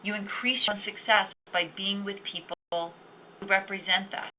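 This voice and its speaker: A woman's voice: medium pitch, steady tone, normal speed. A woman giving a conversational, upbeat training talk on networking, explaining with examples. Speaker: workshop presenter. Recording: tinny lo-fi recording with faint noise.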